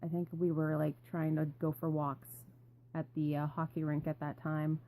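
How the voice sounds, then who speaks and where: A woman's voice: deep voice, monotone, normal speed, mellow. A young adult woman rambling casually in a vlog, full of ums and likes. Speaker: vlogger.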